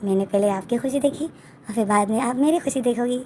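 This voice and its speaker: A cool, teasing young groom, as a woman reads him out in her own high, mellow voice. He brushes off worries calmly and jokes lightly. It is a storybook telling, not a full put-on voice. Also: fairly quick, slight background noise, natural voice.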